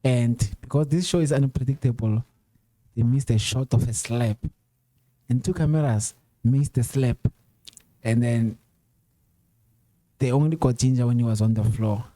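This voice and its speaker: A man's voice: medium pitch, a little slow, long pauses, warm tone, no echo. A man hosting a casual chat show, asking questions in an easygoing, conversational way with plenty of fillers. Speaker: host.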